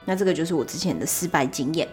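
A young woman hosts a solo podcast, telling stories in a chatty, animated way and stopping for exasperated asides. Her voice sits fairly low for a woman. Faint music plays underneath her. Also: rapid-fire. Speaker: podcast host.

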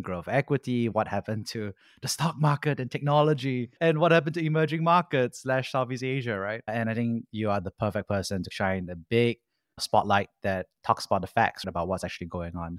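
A man hosting a podcast interview, asking questions in an upbeat, animated way. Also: medium pitch, no echo, studio quality. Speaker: podcast host.

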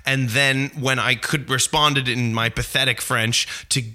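A man's voice: medium pitch, unhurried. A Canadian man in his thirties, a podcast guest, telling travel stories in casual chat, laughing often and acting out what people said. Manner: animated storyteller, laughs often, acts out voices.

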